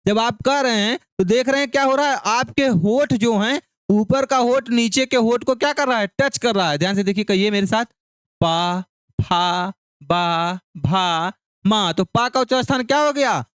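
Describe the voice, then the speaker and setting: A man's voice: very high voice, brisk, hardly any pauses, a bit bright, clear, resonant tone, dry recording, studio quality. A male teacher giving an exam-prep phonetics lesson, drilling syllables over and over in call-and-response and asking questions he answers himself. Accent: Hindi.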